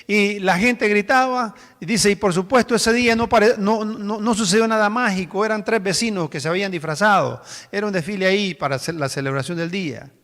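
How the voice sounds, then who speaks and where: A man's voice: high-pitched, fairly quick, few pauses, a bit bright, in a large hall. A male pastor preaching a sermon, telling stories in a conversational way and asking the congregation rhetorical questions.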